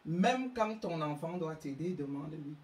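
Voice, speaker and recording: A woman's voice: low-pitched, lively intonation, normal speed, a little mellow. A woman from Africa giving emphatic, scolding parenting advice to an audience, often stammering over repeated words, recorded in a roomy space away from the mic. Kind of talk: impassioned monologue to an audience. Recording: roomy sound, mic far off.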